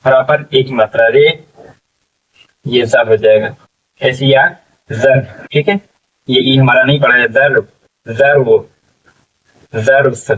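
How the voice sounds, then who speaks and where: A man's voice: mid-range voice, slow, long pauses, a bit bright, far from the mic, lo-fi sound. A man teaching English reading to learners, spelling words out letter by letter and often checking in with "ठीक है". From India. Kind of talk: slow spelling-out classroom lesson.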